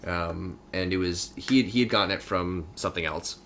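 A man's voice: low-pitched, steady tone, normal speed, a bit bright, slight background noise. A young man casually joking and riffing while commenting on gameplay with a friend. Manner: jokey, riffing banter. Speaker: let's play co-host.

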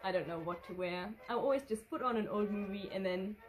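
With a medium pitch and a quick pace, a young woman in her twenties answers fan questions in a casual vlog. She is a native German speaker and vintage fashion vlogger who reads each question aloud and then rambles off the cuff in a chatty manner. The setting is her living room, with a red curtain and a sofa.

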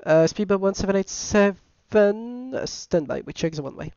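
A man's voice: sits high, lively intonation, moderate pace, darkish tone, smooth, no room sound, lo-fi sound. A man with a French accent, French his first language, making hesitant English radio calls and cockpit callouts over a pilot headset as a flight simulator pilot.

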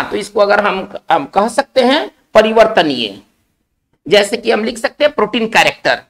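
A man's voice: very high-pitched, creaky, a bit bright. A man teaching English spelling and word meanings in a recorded lesson, explaining step by step and often checking that students follow. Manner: explains slowly in Hindi, often checks with "isn't it?".

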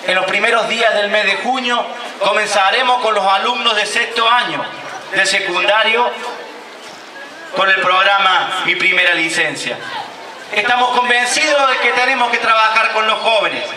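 A man's voice: high-pitched, normal speed, background noise. Declaiming Argentine man at an outdoor podium. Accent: Argentine Spanish. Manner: declamatory, reading a prepared speech. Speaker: mayor. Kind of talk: formal public speech. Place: outdoor covered stage at a public ceremony. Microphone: stand mic at a lectern. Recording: echoey outdoor PA sound from far off.

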